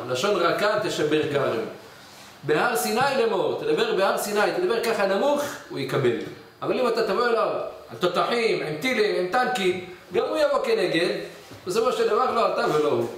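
A man, a rabbi, giving a weekly Torah portion sermon in a study hall, telling parables and acting out lively voices. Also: sits high. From Israel. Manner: storytelling, acts out mountains and scolding spouse in raised voice. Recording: distant mic, echoey hall, faint noise.

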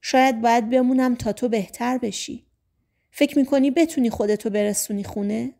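A woman voicing a caring, shy teenage boy who speaks softly and reassuringly in an audiobook. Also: a little high, fairly even intonation, gravelly.

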